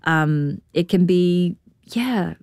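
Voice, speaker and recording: A woman's voice: on the low side, extremely slow, a little mellow, dry recording, clean studio sound. A woman with a New Zealand accent, a conductor speaking in a radio interview, thoughtful and full of rhetorical questions.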